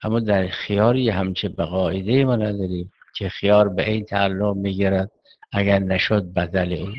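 Man, low voice, seminary law lecture, measured step-by-step reasoning, muffled lo-fi sound. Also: fairly even intonation. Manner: measured reasoning, poses and answers questions. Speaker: Islamic jurisprudence teacher.

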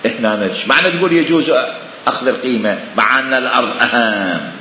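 A man's voice: medium pitch, expressive, fast, pushed and bright, reverberant, big-room sound, slight background noise. A man giving a seminary lecture on religious law, emphatic and full of rhetorical questions.

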